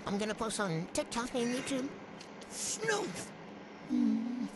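A young gamer talking through a voice changer, rambling excitably and swearing while playing, with a cold and hiccups. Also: mid-range voice, slow. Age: student. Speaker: gamer vlogger. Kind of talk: casual gameplay commentary. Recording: loud background noise.

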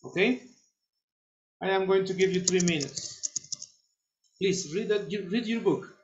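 A man teaching English to children over a video call, slow and patient, repeating his instructions. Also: high voice, reverberant, lo-fi sound, noisy background. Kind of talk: online class instruction.

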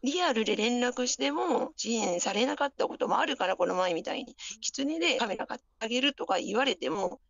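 A woman with a husky, gravelly whiskey voice, explaining herself haltingly in a casual call. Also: on the high side, expressive, fairly bright tone. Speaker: caller, stream viewer. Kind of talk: casual phone chat, hesitant explaining. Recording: slightly dull, lo-fi call audio.

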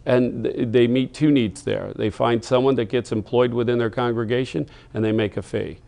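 A man's voice: mid-range voice, fairly even intonation, moderate pace, gravelly, dark tone. A man on a TV studio panel, speaking in a practical, business-minded way and posing rhetorical questions. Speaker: panel guest. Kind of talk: panel discussion on a TV talk show. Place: TV studio set.

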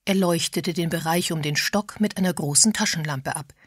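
A woman's voice: normal speed, husky, dry recording. A woman narrating an audiobook in a scripted reading, voicing the characters' dialogue herself. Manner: reads all characters in dialogue with small pitch shifts.

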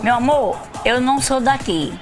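A woman's voice: high voice, animated, moderate pace, over music. A woman guest on a live TV talk show, talking in a rambling, playful, joking way. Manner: rambling, playful, claims to be from another planet. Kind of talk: comic live TV interview.

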